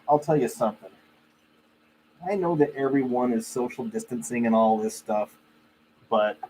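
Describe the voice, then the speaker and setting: A man with a medium-pitched, somewhat dark voice hosts a casual livestream, chatting with live viewers. His talk is conversational, opinionated and full of anecdotes. The live stream audio is clearly noisy.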